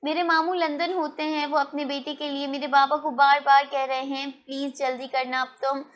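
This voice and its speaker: A woman's voice: sits high, flat delivery, moderate pace, a bit bright. A woman voicing a stubborn young woman in love, pleading and defiant in a storybook reading.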